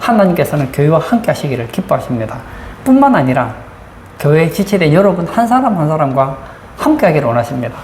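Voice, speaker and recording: Very animated and quick, a woman pastor preaches in a deep, darkish voice, firing frequent rhetorical questions at the congregation. She is in a church sanctuary, and the recording has roomy acoustics with faint background noise.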